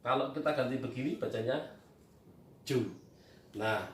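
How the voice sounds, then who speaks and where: A man's voice: mid-range voice, measured pace. A man teaching Quran reading at a board, patiently asking questions and answering them himself. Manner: patient, repetitive, asks and answers his own questions. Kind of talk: whiteboard reading lesson. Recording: echoey room, distant mic, faint noise.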